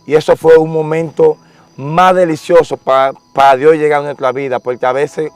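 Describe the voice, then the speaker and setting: A young man recounts his religious testimony in a relaxed, conversational way. His voice sits a little higher than most men's. He repeats phrases earnestly as he tells the story. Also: normal speed, clean tone, dry recording, faint music behind. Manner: repetitive, earnest, emotional retelling. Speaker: interviewee giving testimony.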